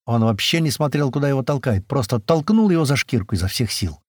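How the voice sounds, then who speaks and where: A man reading a first-person audiobook aloud, brisk storytelling with voiced dialogue. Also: mid-range voice, expressive, no room sound, studio quality. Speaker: audiobook narrator.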